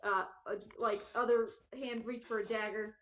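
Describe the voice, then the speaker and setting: A woman's voice: on the high side, steady tone, moderate pace, fairly bright tone, slight background noise, rough recording. Hesitant woman playing a tabletop game. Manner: hesitant, with fillers. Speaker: player. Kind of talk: describing her character's actions in a tabletop game.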